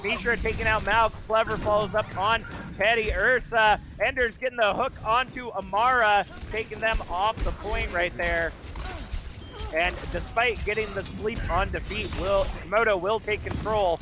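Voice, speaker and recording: A man calling live esports action as play-by-play caster, fast and excited. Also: high voice.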